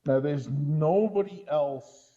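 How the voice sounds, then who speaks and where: On a podcast, a man who may be a co-host or guest critic offers casual, critical film commentary, sounding exasperated and punctuating his points with "right?". His fairly high voice moves slowly, and the highs are cut off.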